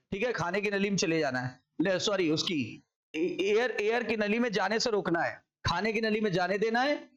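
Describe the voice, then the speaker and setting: Indian man, high voice, energetic coaching-class biology lecturer, slightly muffled recording. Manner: energetic, asks and answers his own questions. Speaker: biology teacher.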